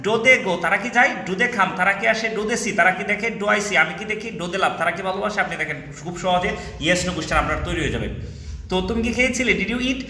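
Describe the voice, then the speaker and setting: A man with a fairly high, bright voice teaches a spoken English lesson. He drills paired questions slowly and repeats each one. The recording sounds like a roomy space with a long reverb tail. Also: lively intonation, a little hiss or hum. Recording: echoey room with long reverb.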